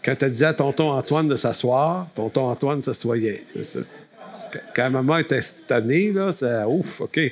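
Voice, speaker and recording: A man with a Quebec French accent speaks to a camp, telling a faith story in a folksy way. He restarts phrases often, in a voice of middle pitch. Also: normal speed. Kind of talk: storytelling testimony.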